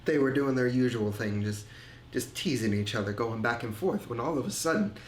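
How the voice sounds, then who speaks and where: An actor playing a grieving man who speaks haltingly, repeating words and trailing off, in a film monologue. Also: medium pitch, a little hiss or hum, close to an everyday voice. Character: grieving middle-aged man, haunted, hesitant. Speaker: man recounting family tragedy. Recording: roomy echo with faint ambience.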